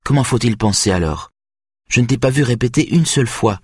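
Male reader playing an anxious young female violinist, higher and strained, audiobook. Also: breathy edge, dry recording, clean studio sound, close to an everyday voice. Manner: higher, tense, quick-tempered.

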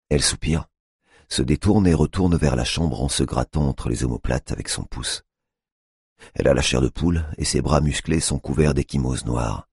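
A man narrates a novel in a steady, even reading voice. His voice sits extremely low and has a husky grain. The sound is dry and close, with no room around it. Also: no room sound. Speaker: audiobook narrator. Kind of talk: scripted narration.

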